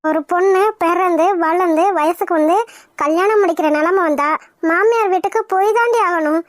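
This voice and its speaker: Bossy mom in a cartoon scolding everyone, highish voice, dry close mic voice actor doing her. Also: no echo. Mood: teasing. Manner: lecturing, brisk and firm. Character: scolding practical mother. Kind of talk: cartoon voice acting.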